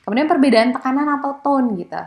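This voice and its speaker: Woman, casual lecturer, loose and chatty, mixes in English words, acts out quotes in a higher voice. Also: lively intonation, fast talker, darkish tone. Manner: casual, with frequent fillers and English terms; acts out quoted speech in a raised voice. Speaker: psychology lecturer. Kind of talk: online lecture.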